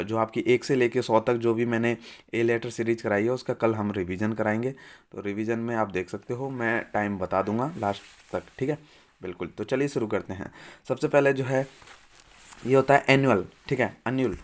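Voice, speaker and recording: A young man leads an English vocabulary class in Hindi, his voice sitting at an ordinary middle pitch. He says each word again and again and keeps asking the class what it means, then gives the answer himself. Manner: repeats each word and asks quiz-style questions. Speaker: teacher. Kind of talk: vocabulary lesson.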